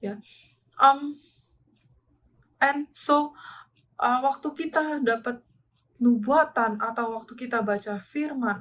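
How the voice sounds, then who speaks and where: An earnest woman preaches to a church, her voice sitting a little on the high side. She moves between two languages mid-thought and punctuates each point with a short affirming "ya". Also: fairly bright tone, low-quality recording. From Indonesia. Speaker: church speaker. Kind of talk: bilingual sermon sharing.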